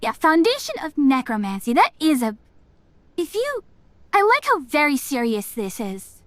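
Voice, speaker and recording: A woman's voice: high voice, wildly swooping pitch, normal speed, no room sound. A woman livestreaming a game in a cute anime-streamer manner, chatting casually as a witch persona. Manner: reads titles aloud and murmurs reactions to them. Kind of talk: casual livestream chat while playing.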